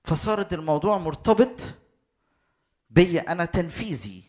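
A man's voice: on the high side, sing-song, moderate pace, a little mellow. A man with an Egyptian Arabic accent preaching a teaching sermon, explaining step by step and restating his points to be precise.

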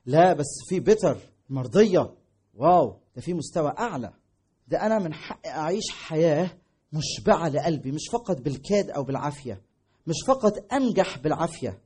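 A man with an Egyptian Arabic accent preaching a sermon, emphatic, stressing words loudly and drawing some out. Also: on the high side, lively intonation, husky. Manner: emphatic, swings between loud stresses and drawn-out words.

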